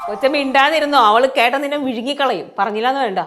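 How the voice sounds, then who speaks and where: A woman's voice: high-pitched, very fast, close to an everyday voice. A woman playing a weary, scolding mother. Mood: exasperated. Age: middle-aged. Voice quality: scolding, exasperated. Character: weary, peacemaking middle-aged mother. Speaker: mother of the family. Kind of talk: TV sitcom acting. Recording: TV sitcom with faint music.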